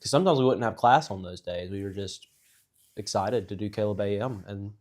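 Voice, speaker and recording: A young man co-hosting a relaxed talk show. His voice sits somewhat low, and he talks in an easygoing, agreeable way with frequent hesitant fillers. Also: fairly quick. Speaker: podcast co-host. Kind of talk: casual chat.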